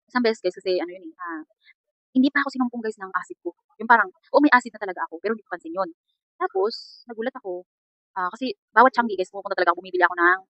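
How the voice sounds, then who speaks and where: A woman's voice: fairly high pitch, pushed and bright, no echo. A woman tells a rambling personal story to her viewers in a casual vlog. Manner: rambling, chatty, keeps saying "guys". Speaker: vlogger. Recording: dull lo-fi sound.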